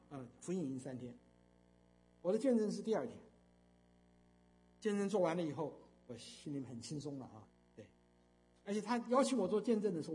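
An older man giving a church testimony as a storytelling sermon, emphatic and animated, with frequent fillers. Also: on the high side.

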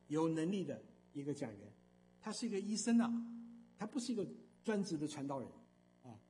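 An older man tells a story from the pulpit, his voice high and swinging widely up and down. He talks emphatically, with many fillers between phrases. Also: darkish tone. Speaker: speaker giving a testimony. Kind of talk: storytelling sermon.

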